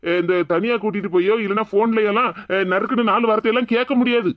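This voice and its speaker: Angry cartoon husband, voiced by a woman, quick and insistent, Tirunelveli accent, dull dry sound. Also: medium pitch, fairly even intonation, no echo, natural voice. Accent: Tirunelveli Tamil. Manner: insistent, hot-tempered. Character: angry young husband, stubborn.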